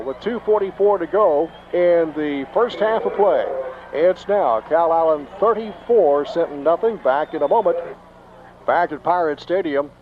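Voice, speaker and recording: A man with a Texan accent calling high school football play-by-play, excitable and rising sharply on big plays. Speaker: play-by-play announcer. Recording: dull lo-fi 1990s broadcast tape, faint noise.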